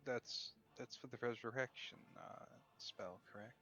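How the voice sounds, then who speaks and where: A man's voice: medium pitch, measured pace, pushed and bright. A man playing a tabletop game, laid-back and often laughing, with hesitant fillers. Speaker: player. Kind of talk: casual tabletop play. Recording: dull lo-fi audio with faint music.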